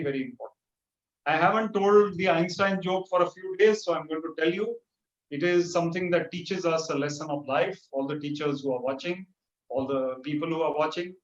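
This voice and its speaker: A man speaking to teachers over a video call, telling an anecdote with animated storytelling and pitch lifts for punchlines. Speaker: motivational speaker. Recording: roomy, dull video-call audio.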